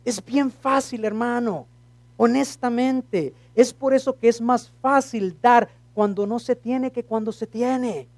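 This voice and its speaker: A man preaching a sermon as pastor, dropping English words into his Spanish and swinging from lively, loud praise to low, quiet talk. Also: slow, no echo.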